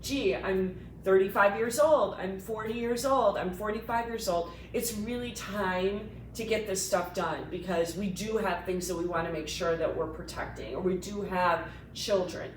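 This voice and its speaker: Woman attorney, co-host, animated explainer; echoey room, off-mic, faint rumble. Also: moderate pace, few pauses, distant mic. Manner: explanatory, animated, laughs easily. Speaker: estate planning attorney, co-host. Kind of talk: casual professional discussion.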